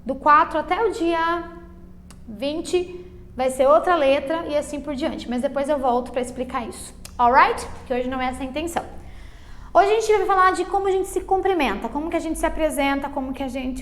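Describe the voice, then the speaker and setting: A Brazilian woman with a high, bright voice and a Brazilian Portuguese accent teaches English to beginners. She stretches out her explanations and keeps checking in with her students. Her tone stays patient and teacherly throughout. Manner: patient, drawn-out explanations full of diminutives and check-ins like "ok?". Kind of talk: online English lesson for beginners.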